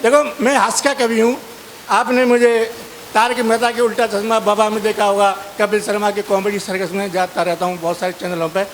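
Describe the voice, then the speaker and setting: High-voiced comic poet man, chatty. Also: little pitch movement, fairly quick, slight background noise. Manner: chatty, teasing the audience. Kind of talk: stage comedy with sung verse. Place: outdoor poetry gathering stage.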